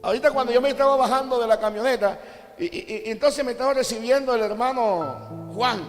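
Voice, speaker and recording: A man with a Colombian Caribbean coast accent preaching a sermon, telling stories and acting out quotes, sometimes rising to shouts. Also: extremely high pitch, brisk. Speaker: apostle preaching. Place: large church cathedral. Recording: long church reverb with faint music.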